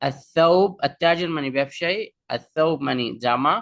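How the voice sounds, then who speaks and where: A man teaching an Arabic lesson, drawing out each example word slowly and carefully for learners. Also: fairly high pitch, creaky, a bit bright. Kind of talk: language lesson.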